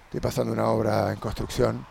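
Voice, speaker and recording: A man with an Argentine accent, hosting a podcast as a casual monologue while riding a bicycle outdoors, thinking aloud with pauses mid-phrase. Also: on the low side, flat delivery, gravelly, darkish tone, slight background noise. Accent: Argentine Spanish. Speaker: podcast host.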